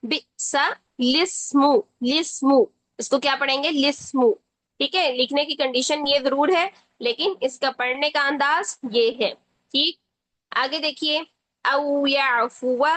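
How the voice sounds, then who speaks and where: Woman, high voice, Quran reading teacher, patient and slow on each word. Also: a bit bright, rough recording. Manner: patient, repeats words slowly for the learner; checks in often with short asides. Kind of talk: step-by-step tajweed lesson.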